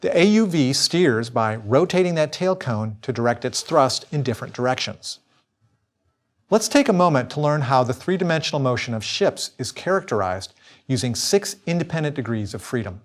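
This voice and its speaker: A man lecturing in a recorded course, explaining clearly and now and then correcting himself mid-word. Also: medium pitch, animated, moderate pace. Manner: clear explanatory delivery with small self-corrections.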